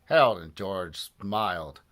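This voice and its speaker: A man reading a children's book aloud with expressive, lively storytelling. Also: sits low, slow pace. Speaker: audiobook narrator.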